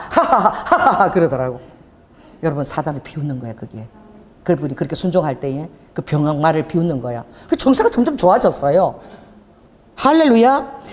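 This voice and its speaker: A middle-aged woman pastor preaching a lively Pentecostal sermon, telling a healing story and firing off rhetorical questions. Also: medium pitch. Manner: animated preaching, rhetorical questions, acts out scenes. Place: church sanctuary. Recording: church hall reverb.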